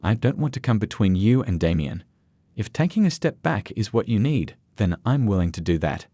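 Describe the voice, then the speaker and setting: A calm, patient man in a relationship who talks in an even, measured way, as a narrator reads him. The voice is low with lively pitch movement, recorded close and dry. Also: breathy edge, dry recording. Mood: calm tender.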